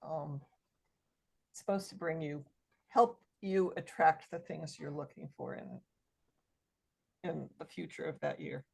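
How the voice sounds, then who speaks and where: A woman's voice: low-pitched, measured pace, creaky, pauses often, a little mellow, husky, low-quality recording. A woman introducing herself at a community meeting on a video call, explaining in a matter-of-fact way.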